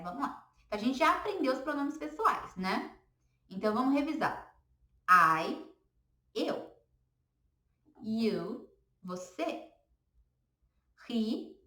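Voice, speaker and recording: A woman's voice: medium pitch, a bit bright. A woman with a Brazilian Portuguese accent teaching a beginner English lesson, patiently repeating words for learners to echo.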